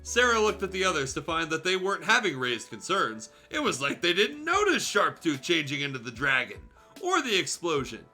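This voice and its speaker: Slightly high-pitched and bright, this man's voice has a pushed quality as he streams a reading of fan fiction. He tells the story with animated drama and a casual delivery, fixing little slips and adding asides over background music.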